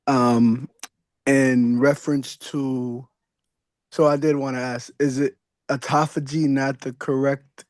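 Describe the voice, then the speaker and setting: A man's voice: medium pitch, level tone, a little mellow, no room sound. Hesitant man asking a question. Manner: hesitant, halting with fillers. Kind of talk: live stream Q&A.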